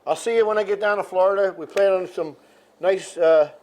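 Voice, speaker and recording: A man's voice: sits high, brisk, darkish tone. An older man, a machinist, explaining step by step in a plainspoken, casual way. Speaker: machinist demonstrating his lathe. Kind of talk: casual shop demonstration. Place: indoor home machine shop. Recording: noisy machine shop background. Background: running machinery noise.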